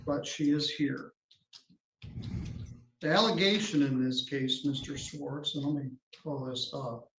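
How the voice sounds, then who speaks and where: A man presiding as judge over a court hearing, formal and measured, his voice going hoarse. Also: mid-range voice, fairly bright tone. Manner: formal, measured legal phrasing. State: losing his voice. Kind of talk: courtroom proceedings. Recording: echoey courtroom audio.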